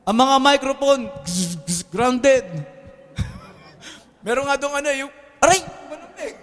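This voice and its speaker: A young adult man with a Filipino accent preaching a lively, joking sermon as a pastor in an air-conditioned church hall, often asking the congregation "Amen?". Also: high voice. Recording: long hall reverb in a church.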